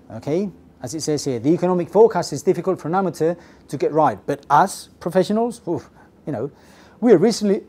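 Middle-aged man lecturing, warm mellow voice, keeps asking okay, classroom, lapel mic. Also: a little high, breathy edge. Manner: lively, asks the audience "okay? yes?" often. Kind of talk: business English class lecture. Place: classroom with projector screen.

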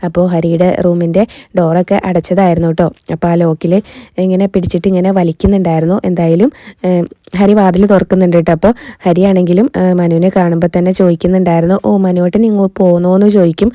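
A woman retells a serial episode in a quick, chatty patter. Her voice is dark and mellow, sits fairly low and stays flat in pitch, and the recording is dry and close. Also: no echo, lo-fi sound. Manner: quick, chatty retelling with frequent "ട്ടോ" tags. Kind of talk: casual spoken recap.

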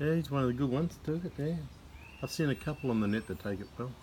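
A man's voice: mid-range voice, expressive, quick pace, darkish tone. A man chatting casually, prompting someone with short questions. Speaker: off-camera questioner. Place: backyard garden, outdoors. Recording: faintly noisy outdoor phone recording.

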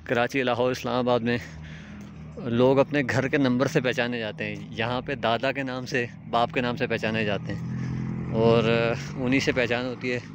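A man's voice: mid-range voice, level tone. Young male travel vlogger, walking outdoors, explains patiently with fillers, handheld phone audio, faint background hiss. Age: young adult. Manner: explains step by step, frequent filler pauses. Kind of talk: casual walking vlog narration. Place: outdoors on a hillside village road. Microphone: phone camera held at arm's length. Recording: faint outdoor ambient noise.

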